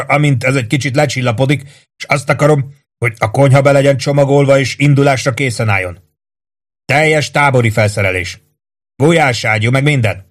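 A man reading an audiobook, voicing a gruff army first sergeant who shouts orders at his troops in a loud, raised voice. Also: mid-range voice, pitched above the performer's own voice, natural voice. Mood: brisk orders. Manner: barks commands, curses, loud and emphatic.

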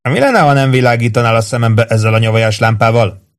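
A man's voice: medium pitch, close to an everyday voice. A man reading aloud, voicing a defiant young army private who answers back sharply. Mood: irritated. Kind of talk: audiobook reading.

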